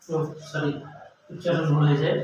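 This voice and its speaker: A man with a Bangladeshi accent, teaching a language lesson and saying each syllable slowly, one at a time. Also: a little high, flat delivery, darkish tone, dull audio. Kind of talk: slow classroom lesson. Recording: echoey room, mic far off, faint noise.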